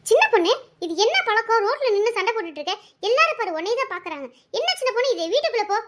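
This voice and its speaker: A motherly village neighbour in a cartoon, voiced by a woman, coaxing and gently scolding to settle a family quarrel. Her voice is extremely high and childlike, and she talks briskly. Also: lively intonation.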